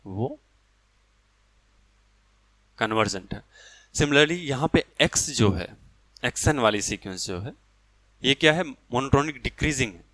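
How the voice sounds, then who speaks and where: A man's voice: mid-range voice, a bit bright, no echo. Man, math lecturer, asks and answers himself, dry close sound. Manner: explains step by step, asking and answering his own questions. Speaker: math teacher.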